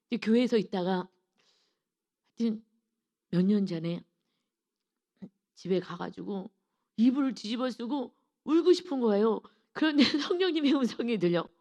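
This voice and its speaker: Animated woman preaching a storytelling sermon. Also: fairly high pitch. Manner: personal storytelling with lively acted-out quotes; laughs often while telling. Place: church sanctuary.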